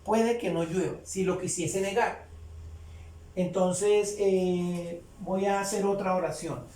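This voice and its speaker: Guy teaching grammar real slow, repeats himself, sounds far from the mic in a roomy space. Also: sits high, steady tone, dark tone, a little hiss or hum. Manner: slow, repeats phrases while writing. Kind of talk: explaining grammar at a board. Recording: echoey room, voice away from mic.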